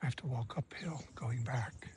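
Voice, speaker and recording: A travel vlogger with a mid-range, slightly mellow voice chats at a moderate pace while walking through a village street and sitting on a café terrace. He talks casually, muttering asides and sometimes whispering, with a little hiss or hum on the recording.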